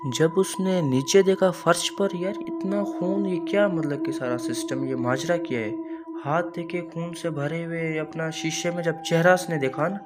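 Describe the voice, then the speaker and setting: A man casually telling a horror story in a rambling way, full of fillers and calling the listener brother. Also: fairly high pitch. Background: music.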